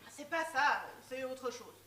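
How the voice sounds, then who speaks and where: A stubborn, cocky man of ancient Greece played by a woman in a stage farce. The voice is very high and bright, emphatic and colloquial, caught at some distance with noise behind it. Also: expressive, unhurried. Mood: exasperated. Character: cocky, stubborn Greek man who harbors a god. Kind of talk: farcical stage comedy dialogue. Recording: roomy, distant mic, noisy.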